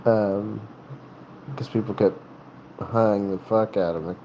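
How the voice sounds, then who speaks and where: On poor audio with some hiss or hum, a man with a fairly low, mellow voice and fairly even intonation hosts a livestream. He's from North Carolina, speaks with a Southern accent, and rambles casually, halting and restarting often.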